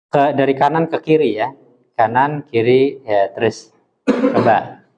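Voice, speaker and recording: A man teaching an Arabic class, patiently modelling pronunciation slowly for his students. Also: medium pitch, a little mellow, muffled recording. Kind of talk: classroom lesson.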